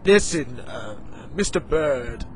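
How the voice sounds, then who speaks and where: A man's voice: mid-range voice, slow pace, slight background noise. A man playing a drawling smug office boss. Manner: deadpan, drawling, full of uhs. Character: smug male office boss who fires the chicken.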